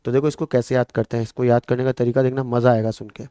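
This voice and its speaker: Male exam-coaching teacher, Marwari-tinged Hindi accent, mid pitch, dry close sound, keeps asking and answering his own questions. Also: fast, clear, resonant tone, no room sound. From Rajasthan, India. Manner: lively, repeats questions to students and answers them. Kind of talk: classroom lecture with memory tricks.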